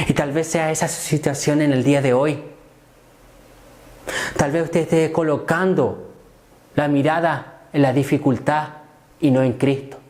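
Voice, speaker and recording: A man preaching a sermon as pastor, repeating phrases and asking rhetorical questions, dropping low then rising to emphatic points. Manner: swings between hushed low lines and raised emphatic ones.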